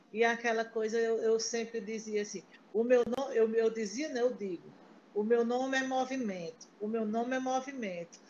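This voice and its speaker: A woman talks over a video call in a chatty, rambling way, restarting her sentences often. Her voice sits a little high. The sound is muffled like a laptop mic. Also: slight background noise. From Paraíba, Brazil. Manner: chatty, storytelling, many restarts. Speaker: meeting participant. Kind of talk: casual chat on a video call.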